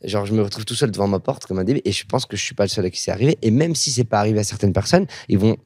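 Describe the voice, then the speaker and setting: A man's voice: fairly low pitch, racing, a little mellow, breathy edge, dry recording, studio quality. A man being interviewed on a podcast, chatting casually and acting out bits of his routine while he explains them. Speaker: comedian guest.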